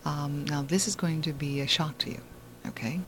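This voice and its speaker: A woman's voice: deep voice, steady tone, moderate pace, a bit bright, a little hiss or hum. A woman hosting a talk show, telling a long story in a rambling way with many fillers and restarts. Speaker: host.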